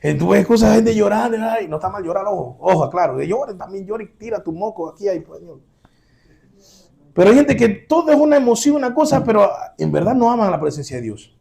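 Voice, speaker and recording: A man in the pulpit preaching with emphatic swings from loud exclamations to hushed asides. His voice sits high for a man and carries a gravelly fry, and he keeps turning to the congregation with direct questions. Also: expressive, brisk. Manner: addresses listeners directly as brothers, asking rhetorical questions. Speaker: pastor. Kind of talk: sermon.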